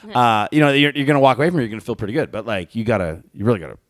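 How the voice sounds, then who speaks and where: A man's voice: mid-range voice, racing, dry recording, studio quality. A man from Hawaii, a podcast guest telling rambling stories full of fillers and restarts. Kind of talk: casual podcast chat.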